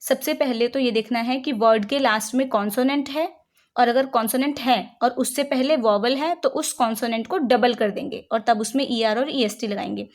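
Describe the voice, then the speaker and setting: A woman teaching English grammar in Hindi. She reads each rule slowly in English, then explains it in Hindi with rhetorical check-in questions. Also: a little high. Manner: patient, checks understanding with frequent rhetorical questions.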